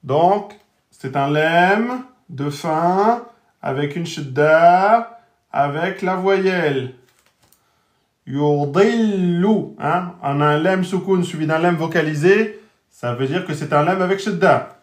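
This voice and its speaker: A man teaching Arabic reading in a live online lesson, speaking at a very slow, deliberate pace in a somewhat higher voice. He breaks each word into letters and vowels and says it again and again. The sound is echoey, as if in a bare room. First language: French speaker teaching Arabic. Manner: spells out letters and vowels slowly, repeating words.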